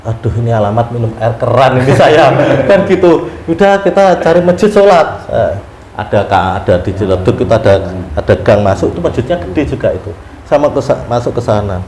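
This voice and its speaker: A man telling a long story in a casual interview, animated, often laughing and acting out his prayers. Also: mid-range voice, fairly quick. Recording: roomy room with faint ambient noise.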